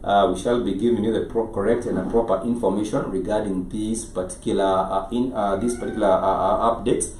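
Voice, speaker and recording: A man with a Kenyan accent hosting a live show, speaking in a halting way and often rephrasing himself. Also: on the low side, steady tone, darkish tone. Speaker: show host. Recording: echoey, noisy room, distant mic.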